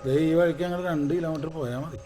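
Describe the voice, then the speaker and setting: A man's voice: fairly high pitch, quick pace, natural voice. An actor playing a cheeky waiter who drawls lines in support of his boss, in a film scene with music audible. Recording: film soundtrack with clear music.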